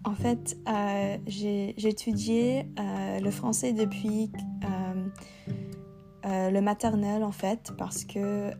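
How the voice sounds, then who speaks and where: A young woman from Vancouver, co-hosting a podcast in learner French and pausing often to search for words. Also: mid-range voice, little pitch movement, gravelly, over music. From Vancouver, Canada. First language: English. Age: young adult. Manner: hesitant, many "euh" fillers. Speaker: podcast co-host. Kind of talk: casual chat in learner French.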